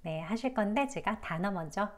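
A woman teaching English pronunciation in an online lesson. She speaks patiently and politely, with an encouraging tone, and says each sound slowly to demonstrate it. Her voice sits in a middle range. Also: medium pitch, lively intonation.

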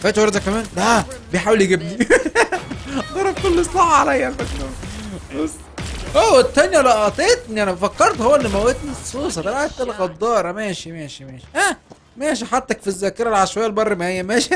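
A man with an Egyptian Arabic accent hosting a gaming channel and giving excitable, joking let's-play commentary while laughing often. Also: high-pitched, rapid-fire, soft background music.

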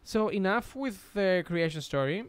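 Male podcast host, slightly high, clean voice; rambling explainer, casual. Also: expressive, moderate pace, smooth, no echo.

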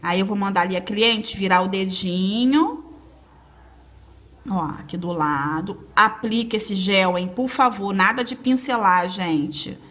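A woman's voice: medium pitch, unhurried, fairly bright tone. A woman from Brazil giving a casual, hands-on nail tutorial, chatty and reassuring with her viewers, recorded on a phone at a salon table. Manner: chatty, reassuring, addresses viewers as girls and friends. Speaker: nail technician instructor. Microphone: phone camera.

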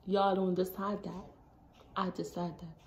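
A teenage girl from Jamaica chatting casually to her phone camera in a small bedroom, animated and full of asides. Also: on the low side, unhurried. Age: teens. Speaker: vlogger. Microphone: phone camera at arm's length. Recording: echoey room, faint background noise.

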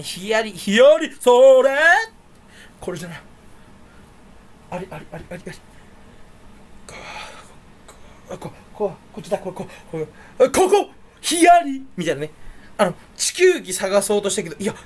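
Rambling, self-mocking Japanese-chat man. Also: high voice. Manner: stammering repeated syllables. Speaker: channel host. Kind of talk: casual solo chat stream.

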